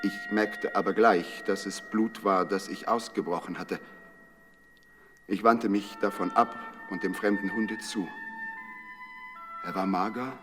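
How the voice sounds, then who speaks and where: A man narrating a literary story in a measured, dramatic reading that rises to intensity. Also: lowish voice, fairly even intonation. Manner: slow and measured, rising to intense. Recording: reverberant with loud music.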